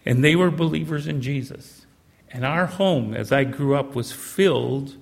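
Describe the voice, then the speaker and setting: Earnest male preacher with a gravelly voice. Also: mid-range voice. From Canada. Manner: earnest, measured, slowing on key phrases. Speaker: pastor. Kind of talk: sermon. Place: church sanctuary. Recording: reverberant church hall.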